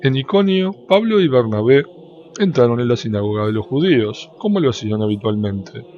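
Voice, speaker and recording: A man reads scripture slowly and solemnly, letting the ends of phrases lift into a sung lilt. His voice is dark and mellow. The recording is dull and lo-fi, with a faint hiss underneath. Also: mid-range voice, expressive. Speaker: Bible reader. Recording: dull, lo-fi with faint background noise.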